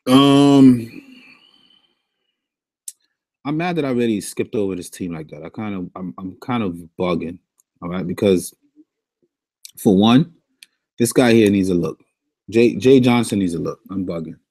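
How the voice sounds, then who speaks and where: A man's voice: lowish voice, a little slow, pauses often, dark tone, no echo. A man giving a casual fantasy sports breakdown, thinking aloud and repeating his picks. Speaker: daily fantasy sports analyst.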